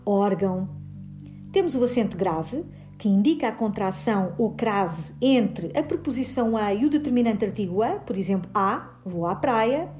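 A woman linguist with a European Portuguese accent gives a calm, scripted grammar explanation on a radio show. Her tone is mellow and dark, and she spells out examples one by one. Faint music plays under her voice. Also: mid-range voice. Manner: measured, clear, listing examples word by word. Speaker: linguist answering a language question.

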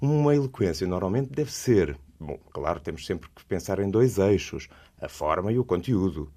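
A man's voice: sits low, lively intonation, normal speed, warm tone. A man with a European Portuguese accent, a speech trainer explaining as a guest, who stresses key words with sudden rises. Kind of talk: explanatory interview talk.

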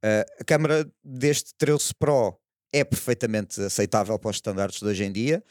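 Lowish-voiced Portuguese man, hesitant podcast talk. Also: steady tone, moderate pace, darkish tone, no echo, studio quality. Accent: European Portuguese. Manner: hesitant, meandering, tag questions. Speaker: podcast panelist. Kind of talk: casual chat.

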